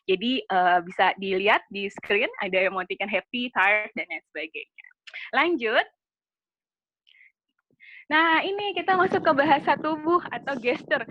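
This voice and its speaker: A woman gives a relaxed online lecture in a fairly high voice, chatting and throwing questions at her listeners. The sound is dry and a little dull, like a computer microphone on a video call. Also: moderate pace, no room sound. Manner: chatty, asks the audience questions, laughs at own jokes. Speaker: webinar presenter on Japanese culture. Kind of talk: casual lecture with slides. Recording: dry, slightly dull webinar audio.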